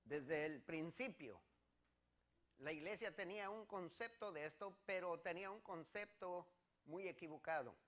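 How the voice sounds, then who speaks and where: A man's voice: on the high side, unhurried, fairly bright tone. A man from Mexico, preaching a sermon as pastor and reading scripture verses with earnest repetition.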